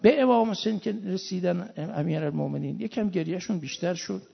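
A man's voice: high-pitched, creaky, slightly rough. A man preaching a mourning sermon, telling the story in an impassioned way. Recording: dull lo-fi recording.

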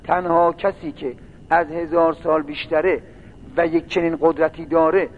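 Through a tinny, phone-like recording with faint noise, a man preaches a sermon in a rather high voice and flat delivery, telling a lengthy religious story that rises into mournful chanting.

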